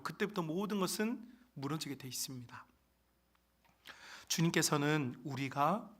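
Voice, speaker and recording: A male pastor preaching a sermon in a church sanctuary. He keeps calling out to the congregation and swings sharply between soft and loud. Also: sits high.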